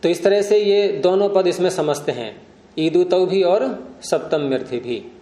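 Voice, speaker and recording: Male grammar teacher, slightly high voice, patient explainer who quizzes his class; echoey room. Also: expressive, a little slow, dark tone. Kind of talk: classroom lecture with questions to students.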